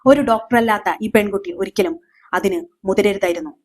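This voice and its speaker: A woman's voice: medium pitch, moderate pace, lightly acted. A woman voicing a stern male police officer who speaks firmly. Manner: firm, clipped.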